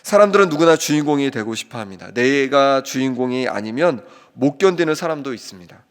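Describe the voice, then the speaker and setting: A man preaching a sermon as pastor, earnest, slowing down when he reads scripture aloud. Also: mid-range voice, animated. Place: church sanctuary. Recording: long church reverb.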